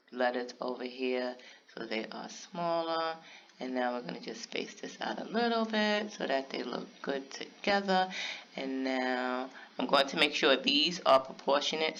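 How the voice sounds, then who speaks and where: A man casually narrating a step-by-step craft software tutorial, talking straight to his viewers. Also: mid-range voice, highs cut off. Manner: casual step-by-step explaining, talks to viewers directly.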